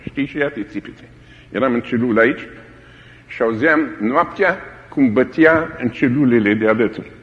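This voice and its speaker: Dramatic preacher man in an echoey hall. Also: mid-range voice. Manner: dramatic, repeats key phrases for emphasis. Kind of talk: sermon. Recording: echoey hall, dull lo-fi old recording.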